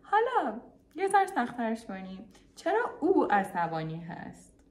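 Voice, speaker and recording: A woman teaching beginner English, upbeat and full of praise, drilling phrases slowly. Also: a little high, huge pitch swings, darkish tone, reverberant.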